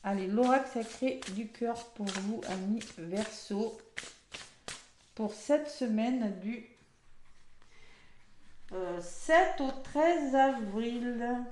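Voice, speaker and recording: A woman's voice: on the high side, very slow, long pauses, a little mellow, a little hiss or hum. A woman giving a casual weekly card reading, chatty and talking straight to her viewers. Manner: chatty, peppers talk with "hein" and "d'accord"; addresses viewers directly. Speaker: tarot card reader. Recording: echoey room.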